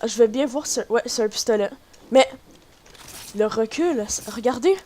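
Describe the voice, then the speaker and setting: Excitable Quebecois woman gaming. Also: on the high side, normal speed. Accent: Quebec French. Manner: chatty, excitable, talks to viewers. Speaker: gaming YouTuber. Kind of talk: live gameplay commentary. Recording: noisy home recording.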